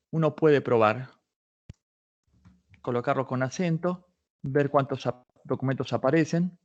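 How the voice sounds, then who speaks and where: A man's voice: mid-range voice, darkish tone. Man teaching a search tutorial, muffled sound. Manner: explains step by step, thinking aloud with many restarts. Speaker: workshop instructor. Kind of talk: live online patent search tutorial.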